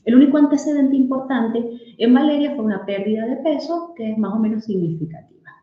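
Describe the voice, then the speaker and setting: A woman's voice: on the high side, fairly quick, reverberant, narrow, tinny audio. A woman doctor from Venezuela gives a clinical lecture to colleagues. She explains things step by step and works through patient cases. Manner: explanatory, addressing colleagues with case examples. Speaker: aesthetic medicine doctor giving a webinar talk.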